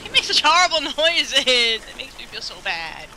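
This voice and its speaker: A giggly, self-mocking let's play co-host chatting through casual gameplay, the pitch bouncing around a lot. A home gaming recording with clear background noise sits behind the voice. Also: sing-song, normal speed, bright, forceful tone, low-quality recording.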